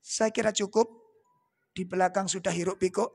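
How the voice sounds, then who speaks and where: Male preacher, Javanese accent, husky gravelly voice, jokey, quizzes the crowd. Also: high-pitched, fairly even intonation, moderate pace, a little mellow. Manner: joking, asks the audience rhetorical questions. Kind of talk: religious lecture.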